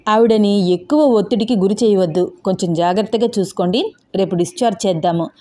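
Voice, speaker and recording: A woman voicing a male doctor who explains slowly, mixing English phrases into his speech. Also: mid-range voice, warm tone, close to an everyday voice. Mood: explaining. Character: calm male hospital doctor, measured.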